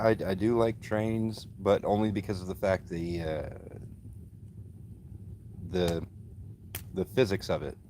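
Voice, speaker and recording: Streamer type: man, fairly low, flat monotone delivery, laid-back chat into a phone mic outside by a fire. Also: a little hiss or hum. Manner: easygoing, answers chat comments with many fillers. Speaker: livestream host. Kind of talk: casual live-stream chat. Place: outdoors by a backyard fire. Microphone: phone, streaming from mobile.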